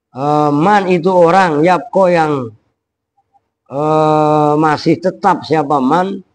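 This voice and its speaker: Casting: man, kitab teacher, slightly high voice, loose and chatty. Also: darkish tone. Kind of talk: pesantren kitab lesson, word-by-word translation.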